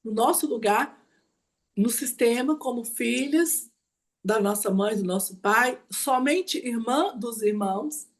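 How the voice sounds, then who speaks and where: A woman giving a class as a mentor. She tells personal stories in a chatty, animated way and keeps asking her listeners questions. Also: fairly high pitch, slow pace. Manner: animated, chatty, often asks the audience 'né, gente?'. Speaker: mentor teaching an online class. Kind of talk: teaching talk with personal stories.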